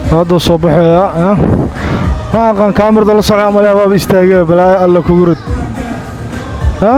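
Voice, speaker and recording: A man hosting a casual prank vlog on a city street, chatty and quick, slipping English into his talk. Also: sits high, fairly even intonation, over music. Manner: rapid, chatty, mixes in English phrases. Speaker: prank vlogger.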